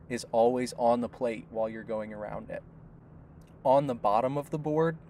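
Guy walking you through setup steps, mid-pitch, steady, bit of faint hiss behind. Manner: steady, step-by-step explaining. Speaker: product tutorial narrator. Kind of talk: instructional voice-over.

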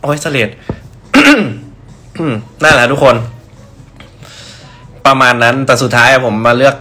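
A man's voice: mid-range voice, very animated, slow pace, sharp tone. A young man chatting on a livestream about his brand, rambling with restarts and answering viewers' comments. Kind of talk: casual livestream chat.

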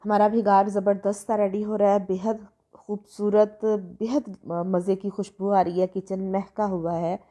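A woman's voice: medium pitch, little pitch movement, unhurried, mellow. A woman hosts a cooking channel, explaining a recipe step by step in a chatty, polite voice-over. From Pakistan.

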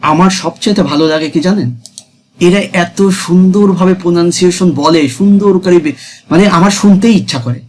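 A freelancing tutor with a high, fairly quick voice gives a casual screen tutorial. He is chatty and repetitive, often checking in by asking viewers "ঠিক আছে?"

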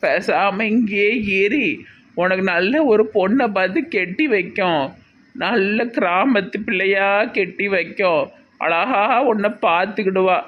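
A man doing a slow, doting village uncle. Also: sits high, muffled recording. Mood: coaxing. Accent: Tirunelveli Tamil. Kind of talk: village comedy skit.

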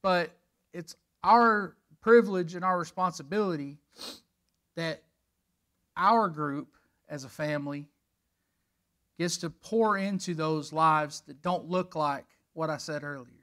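A middle-aged man preaches a church lesson in a high, bright voice. He speaks earnestly and emotionally, telling personal stories and often restarting his sentences. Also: takes it slowly, long pauses. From Texas. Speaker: church leader giving a lesson.

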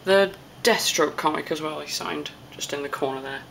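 A young woman from England with a British accent vlogs from a small hotel room, chatting casually to a camera held at arm's length, tired and self-deprecating. Her low, gravelly voice has a fairly bright tone and normal speed. There's a little hiss or hum.

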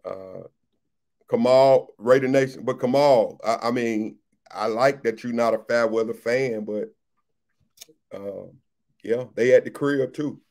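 A man's voice: mid-range voice, measured pace, a little mellow. A man who is a pastor, hosting a casual livestream chat, reading out viewer comments and greeting people by name, often repeating his phrases.

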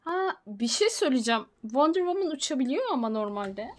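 Over loud game music and sound effects, a woman streams gameplay with playful, offhand commentary, muttering to herself and dropping English slang and curses. Her voice is high and brisk, swinging widely in pitch.

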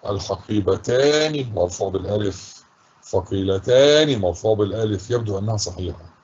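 Brief: Egyptian male teacher for a children's grammar lesson, husky voice, patient and deliberate, dull lo-fi recording. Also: on the low side, lively intonation, darkish tone. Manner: patient, reads example sentences slowly and repeats them.

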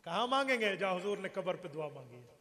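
A man's voice: high voice, big pitch swings, fast, bright, forceful tone. A man preaching a sermon in a mosque. He talks emphatically and keeps firing rhetorical questions at the congregation. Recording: long reverb of a large prayer hall.

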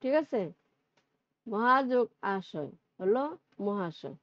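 A woman's voice: medium pitch, lively intonation, slow pace, fairly bright tone, no echo. A woman teacher with a Bangladeshi Bengali accent, giving a recorded grammar lesson and explaining step by step with questions to her students. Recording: dull lo-fi recording.

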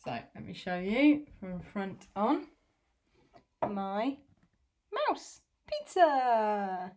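A young woman teacher shows children how to make a recipe at home, patiently and encouragingly breaking each step down simply. Her medium-pitched voice is sing-song, with drawn-out words. She's in a domestic kitchen, picked up by the camera's own mic.

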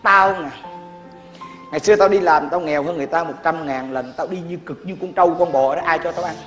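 A bossy young street vendor, played by a man, scolds his friends with high, quick, and bright delivery, often repeating his words. He delivers his lecture in a comedy skit. The sound is echoey, with faint music playing underneath. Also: close to an everyday voice. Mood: scolding. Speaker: skit actor. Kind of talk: Vietnamese comedy skit acting.

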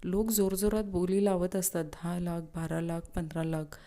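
Woman reading jokes; very dark, mellow tone, plain brisk delivery with small slips. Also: lowish voice, little pitch movement. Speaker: joke reader.

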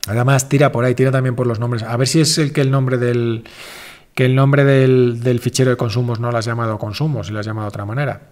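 A man's voice: mid-range voice, steady tone, quick pace, darkish tone. A man hosting a casual live stream, answering viewer questions in a rambling, self-correcting, informal way.

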